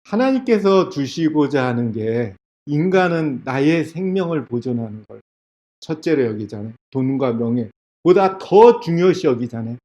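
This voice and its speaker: A man's voice: medium pitch, very animated, moderate pace, warm tone. An older man, a church elder, giving a sermon lecture. He retells a film story, keeps asking the audience questions and acts out the voices in it.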